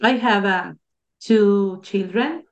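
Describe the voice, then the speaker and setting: A woman in her forties from Mexico, speaking English as an over a video call, hesitant and careful with phrasing. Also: medium pitch. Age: 40s. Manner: slow, hesitant, non-native phrasing. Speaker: interviewee, ESL student. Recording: dull lo-fi call audio.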